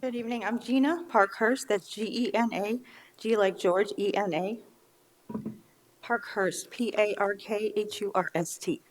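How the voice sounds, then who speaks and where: An American woman in her fifties speaks as a resident at a public meeting. Dental braces soften her enunciation a little, and she comes across as informal and earnest. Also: mid-range voice, steady tone, unhurried, rough recording. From United States. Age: 50s. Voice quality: slightly slurred articulation from dental braces. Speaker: resident giving public comment. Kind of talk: public comment at a local government meeting.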